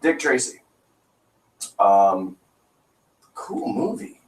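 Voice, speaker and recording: Speaking extremely slowly in a sing-song, medium-pitched voice, this co-host of an internet radio show chats casually, joking, rambling and restarting often. He's at a desk radio mic in a small studio, and the sound is roomy and off-mic.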